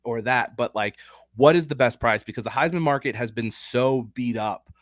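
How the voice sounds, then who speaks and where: A man's voice: medium pitch, normal speed, no room sound, studio quality. A young man hosting a casual sports betting chat, talking through stats and odds analytically. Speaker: sports betting podcast host.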